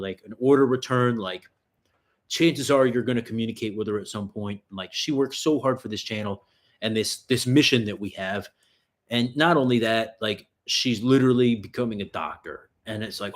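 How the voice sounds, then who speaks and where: Speaking at an ordinary speed with a fairly low pitch, this tri-state-area host fields viewer questions on a laid-back livestream. He rambles and swears freely, often restarting and padding with fillers, in a New York accent.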